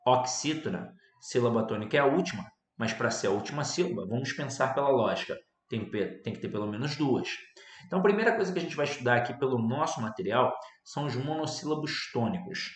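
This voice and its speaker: A man's voice: mid-range voice, fast talker. Brazilian man teaching grammar, echoey room. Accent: Brazilian Portuguese. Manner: lively, stresses words loudly to show syllables. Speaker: Portuguese teacher. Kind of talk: online grammar lesson. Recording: roomy echo.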